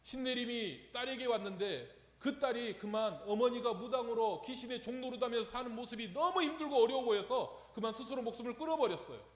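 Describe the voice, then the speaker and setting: With an extremely high voice and a brisk delivery that barely pauses, a pastor preaches a story-driven sermon full of rhetorical questions for the congregation. The church sanctuary echoes with long reverb.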